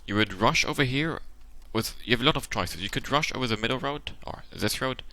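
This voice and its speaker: A man hosting his channel gives casual tactical commentary on a game replay, explaining options at length and thinking out loud in a tired, worn-out voice. His mid-range voice is expressive, brisk, creaky, and sharp, and the recording is dry.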